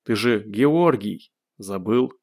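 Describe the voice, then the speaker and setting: A man voicing an excited young male sniper meeting an old schoolmate, eager and cheerful in an audiobook. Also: mid-range voice, takes it slowly, heavily acted. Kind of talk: audiobook character voice.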